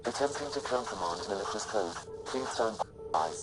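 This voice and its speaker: A man voicing a calm male ship AI with even, clipped announcements. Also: fairly low pitch, normal speed, close to an everyday voice, rough recording. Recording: loud game music behind.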